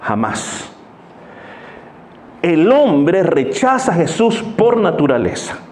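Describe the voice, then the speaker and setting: A man's voice: fairly high pitch, animated, normal speed, a little mellow. A pastor delivers a sermon. He tells stories and slips into the voices of the people in them as he goes. The sound carries the echo of a church hall. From El Salvador. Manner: storytelling, acts out voices in anecdotes.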